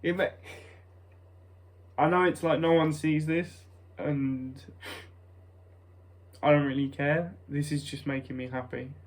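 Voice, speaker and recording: A man's voice: on the high side, steady tone, unhurried, long pauses. Nasal, rambling young British man. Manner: hesitant, self-conscious, often breaking off mid-thought. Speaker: vlogger. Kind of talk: casual rambling personal vlog.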